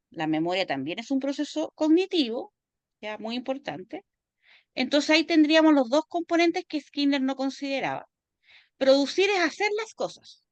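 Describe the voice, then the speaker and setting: A woman's voice: high voice, no echo, muffled recording. A woman giving a university lecture over a video call, constantly checking in with her students. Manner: checks understanding with frequent "¿ya?". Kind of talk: online class lecture.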